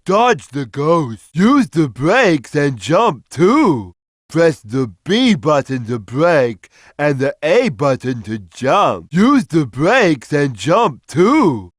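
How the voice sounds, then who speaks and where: A man voicing a big, gentle, slow-witted cat in a video game, with a simple, childlike, drawn-out delivery. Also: a little high, big pitch swings, dry recording, studio quality, full character voice. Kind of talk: video game character voice lines.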